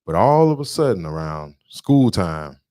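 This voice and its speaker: A man's voice: low-pitched, very animated, measured pace, warm tone, no room sound, clean studio sound. A man co-hosting a podcast, lecturing in an emphatic way and repeating his points. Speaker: podcast co-host. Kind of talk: casual political talk.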